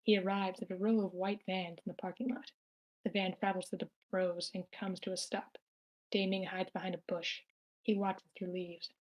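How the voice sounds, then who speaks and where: Her voice lowish and darkish, a woman narrates the action lines at an amateur table read in a plain way, tripping up occasionally. The audio quality is poor.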